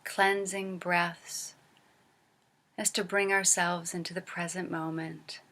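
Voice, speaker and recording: In a low-ish voice with flat delivery, a teacher guides listeners through a body scan meditation, speaking gently and slowly with long pauses and breathy, soft endings to her phrases. A little hiss or hum runs through the recording.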